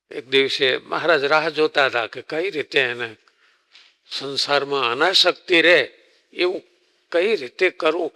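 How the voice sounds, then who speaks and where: Bright-voiced swami preaching in a hall. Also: male voice, fairly high pitch. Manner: animated storyteller acting out dialogue. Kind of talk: sermon storytelling. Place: temple hall.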